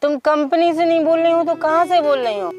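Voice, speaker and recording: A man's voice: very high voice, fairly quick, dull audio, background noise. An actor playing a flirtatious, eager, rustic middle-aged village father in a comedy skit. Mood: curious, flirty.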